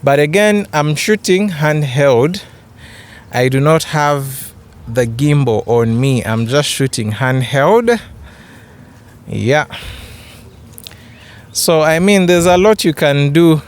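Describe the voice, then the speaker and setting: A man's voice: a little high, slow pace, pauses often, clear, resonant tone. A young man with a Ugandan accent giving a casual camera review vlog, a bit hesitant and repeating his words. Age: young adult. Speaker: photography vlogger. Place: open grassy yard outdoors.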